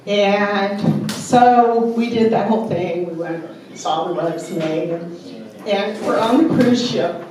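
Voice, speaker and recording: Slow-talking woman telling stories in an echoey hall. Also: on the low side, darkish tone, a little hiss or hum. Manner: chatty storyteller, joke-telling. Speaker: family member giving a tribute. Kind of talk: anecdotal memorial speech. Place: memorial gathering in a large room. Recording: very echoey hall, mic far off.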